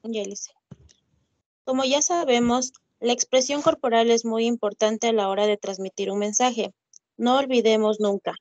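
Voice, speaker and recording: A female student reading passages aloud from a textbook in a steady, plain way. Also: a little high, normal speed, no echo, highs cut off.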